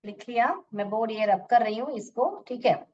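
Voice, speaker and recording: A woman teaching English in a lesson, repeating words slowly to drill pronunciation. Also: fairly high pitch, a little mellow, distant mic, dull audio. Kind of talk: bilingual classroom lesson. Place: room with a board.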